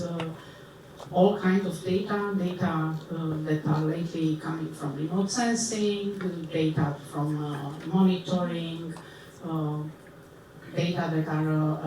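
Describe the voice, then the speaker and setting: A woman answering as a panelist. She speaks thoughtfully, with many pauses and fillers. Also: fairly low pitch, dark tone. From Romania. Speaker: panelist, professor. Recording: echoey hall, distant mic, background noise.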